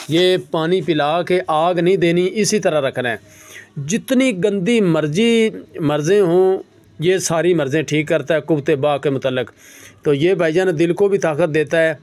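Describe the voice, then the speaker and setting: A man's voice: fairly high pitch, a little mellow. A man with a Punjabi-influenced Urdu accent, giving a casual hands-on herbal remedy demonstration and addressing viewers as brother. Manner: casual, keeps saying "lo ji" and "bhaijaan". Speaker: herbal medicine practitioner.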